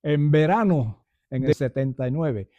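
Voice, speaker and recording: A man's voice: on the high side, expressive, measured pace, dry recording, lo-fi sound. An older man giving an earnest personal testimony and calling his listeners brothers.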